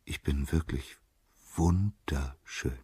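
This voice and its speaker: Man doing vain haughty youth, hushed, sighing, husky, low, dry. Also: steady tone, normal speed, no room sound, full character voice. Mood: self-adoring. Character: vain, haughty young man, self-adoring.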